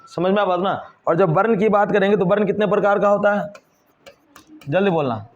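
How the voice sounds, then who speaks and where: A man's voice: sits high, fairly quick. A man teaching a whiteboard grammar lesson, asking the class questions and answering them himself. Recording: dull lo-fi recording.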